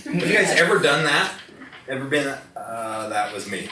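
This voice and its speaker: A man's voice: mid-range voice, sing-song, moderate pace. Middle-aged male presenter, jokey storyteller, live demo, distant roomy mic with faint noise. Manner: storytelling, jokey, asks the audience questions. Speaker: product presenter. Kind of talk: live product demonstration to an audience. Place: room with a live audience.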